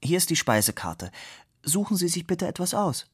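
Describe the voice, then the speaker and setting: A man's voice: sits high, sing-song, moderate pace, husky, pitched above the performer's own voice, exaggerated voice. A man reading aloud who voices an earnest young man, polite but firm and ironic. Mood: kind.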